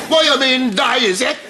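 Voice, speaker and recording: A man's voice: very high-pitched, heavy background noise, heavily acted. An actor with a Guyanese accent playing a boastful older male barbershop owner who lectures his customers in a studio sitcom. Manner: pompous, lecturing.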